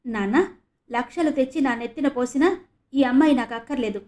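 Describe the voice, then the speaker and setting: A woman reading as an earnest young man who speaks plainly and resolutely. The voice stays near the narrator's own, somewhat high for a man, in an audio novel reading. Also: fairly quick, darkish tone, natural voice.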